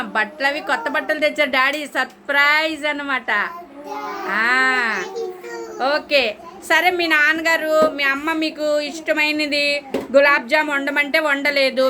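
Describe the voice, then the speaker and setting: A woman with a high voice teaches a room of young children, coaxing them and calling on each child by name. She speaks over the steady noise of a busy classroom, with children's chatter behind her. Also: measured pace. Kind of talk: classroom lesson. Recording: noisy classroom recording.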